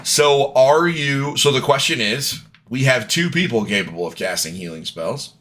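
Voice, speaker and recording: A man running a tabletop game as dungeon master over a voice call, narrating in a halting, playful way with many fillers. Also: medium pitch, expressive, fairly bright tone. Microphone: voice call mic.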